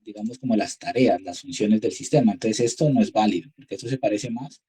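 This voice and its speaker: A man teaches an online class in a very dark, husky voice. He reasons aloud and keeps asking his students whether they follow. He speaks through a computer microphone on a video call. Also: fairly low pitch, brisk. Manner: thinks aloud, checks in with tag questions. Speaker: university instructor.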